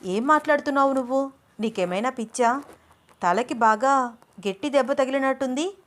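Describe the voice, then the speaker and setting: A woman's voice: sits high, moderate pace, a bit bright, pitched above the performer's own voice. A woman voicing an earnest young man, a tutor in love, in a read-aloud audio story, pleading and insistent. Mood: exasperated.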